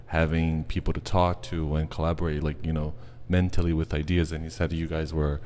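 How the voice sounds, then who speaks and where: A man's voice: very deep voice, flat delivery, a little fast. A male podcast host from Brazil asking interview questions in an effusive way, full of "like" and "you know". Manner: warm, effusive, filler-heavy questions. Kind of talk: interview conversation.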